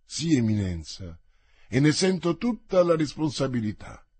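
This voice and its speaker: A man voicing a guarded, cool musketeer officer in an audiobook, speaking low and measured. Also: very animated, darkish tone, breathy edge, no room sound. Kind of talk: audiobook character voice.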